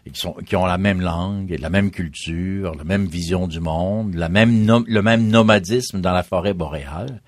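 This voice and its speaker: A man with a very deep, low voice, talking as a history guest on a radio interview. He explains patiently and lists names one after another. The sound is dry and close, with no room around it. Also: normal speed, few pauses, no echo.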